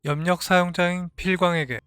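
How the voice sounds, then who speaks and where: Slightly high-voiced man narrating a drama recap. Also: steady tone, fairly quick, noisy background. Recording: voice-over with faint music behind.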